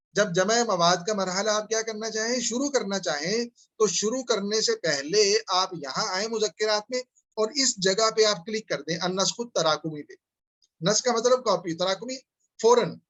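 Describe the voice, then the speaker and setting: A man teaching a software tutorial over a screen recording, explaining each step patiently and often checking that listeners follow. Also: high voice. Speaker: instructor.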